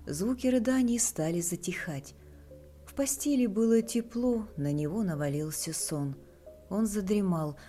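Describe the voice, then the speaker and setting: A woman narrating an audiobook horror story in a measured, dramatic reading. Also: fairly low pitch, warm tone.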